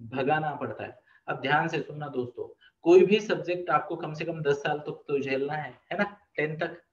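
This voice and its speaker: A man's voice: on the high side, normal speed, echoey room, distant mic, dull audio. A man who is a life coach and author, giving students an earnest motivational talk and often repeating requests to take note. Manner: earnest, repeats "please note" and asks the audience questions.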